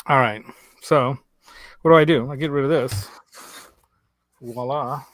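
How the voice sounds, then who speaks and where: A host works on a guitar in his home workshop during a casual show, joking, laughing often, and thinking out loud as he goes. He talks at a moderate pace in a medium-pitched, slightly bright voice, recorded on a nearby desk mic with no echo.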